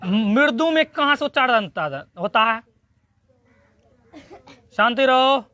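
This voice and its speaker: A teacher giving a classroom grammar lesson, drilling students with repeated questions and slowly sounding out syllables. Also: sits high, pushed and bright. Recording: dull lo-fi recording.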